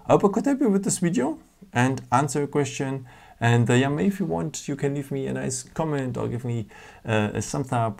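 Seated at a table indoors, this tech tutorial host patiently walks viewers through a phone step by step. His mid-range voice is creaky and a little mellow, and his casual talk carries frequent fillers and non-native phrasing.

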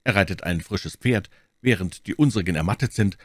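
A calm, reasoning musketeer, read by a man in a storybook reading. His voice is deep and low-set, measured and persuasive. A dry, close recording. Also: dry recording.

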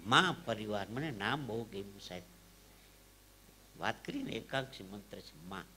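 A man from Saurashtra, telling comic stories live on stage into a microphone. His delivery swings from hushed asides to loud punchlines. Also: on the low side, lively intonation, normal speed, a little hiss or hum. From Saurashtra, Gujarat. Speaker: stage comedian and storyteller. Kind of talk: live folk comedy storytelling.

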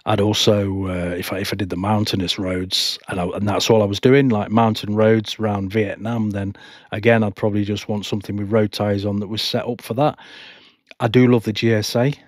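A man chats to camera from home about motorbike touring, nervous and rambling, often restarting his sentences. His voice sits low and husky, and the recording is close and dry. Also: level tone, fairly quick, dry recording. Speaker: motorcycle vlogger. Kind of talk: casual talk to camera, reading viewer questions. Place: home, not a studio. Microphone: home microphone.

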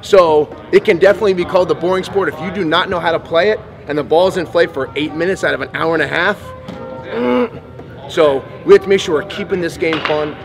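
A man in his thirties with a bright, high voice, coaching baseball and cheering on each swing. He's in a big indoor training facility on a lapel mic. Music runs clearly underneath him. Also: fairly quick. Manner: excitable, exclaims at each hit. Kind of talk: on-field coaching demo with play-by-play.

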